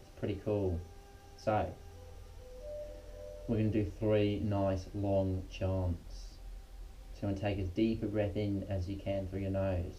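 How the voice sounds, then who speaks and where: Male yoga instructor, very mellow dark tone, informal and unpolished guided session, muffled recording with faint music behind. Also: sits low, little pitch movement, unhurried, long pauses. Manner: laid-back, informal and slangy, unpolished. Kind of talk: casual guided yoga lesson. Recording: muffled, dull lo-fi sound.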